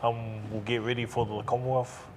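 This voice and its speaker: A young man from Samoa, an athlete, answering interview questions calmly and steadily. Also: medium pitch, moderate pace. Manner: calm, steady, repeats phrases. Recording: clear background noise.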